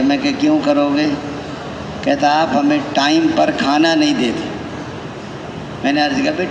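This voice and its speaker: In a Tablighi sermon with anecdotes, a man with a Pakistani accent and a fairly high voice exhorts conversationally, posing rhetorical questions and repeating key phrases. Long hall reverb rings over clear background noise.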